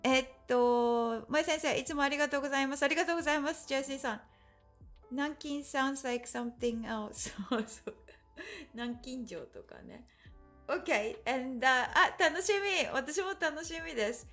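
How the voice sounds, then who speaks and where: A woman's voice: high-pitched, steady tone, moderate pace, fairly bright tone, soft background music. A woman teaching Japanese in a live online class. She speaks English with a Japanese accent and switches between the two languages as she reads chat comments aloud.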